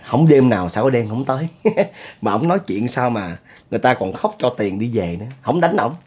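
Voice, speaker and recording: With an animated, brisk manner, a middle-aged Southern Vietnamese man tells a ghost story, addressing his listeners and chuckling a lot. His voice sits in the mid range, darkish in tone and slightly rough.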